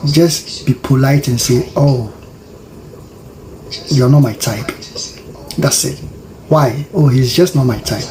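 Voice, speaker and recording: A man from Africa, giving casual commentary in an animated, preachy way that repeats itself. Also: medium pitch, rough recording.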